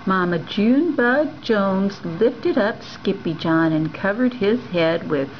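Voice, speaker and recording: A woman reading a picture book aloud in an expressive, playful way, slipping in Spanish words. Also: mid-range voice, takes it slowly, muffled recording, slight background noise. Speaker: reader. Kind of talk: storybook read-aloud.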